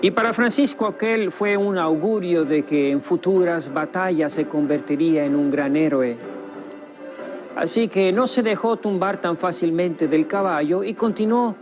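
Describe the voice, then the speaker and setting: A man with a fairly high voice delivers a documentary voice-over in the studio, solemn and measured, with dramatic pauses for weight. Clear plucked guitar music plays beneath his narration.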